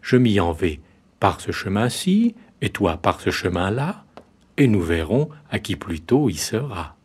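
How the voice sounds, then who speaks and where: A man voicing a sly, hungry male wolf in a read-aloud fairy tale, speaking slowly and deliberately. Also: deep voice, very animated, a little mellow, breathy edge, heavily acted. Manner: scheming, slow and deliberate.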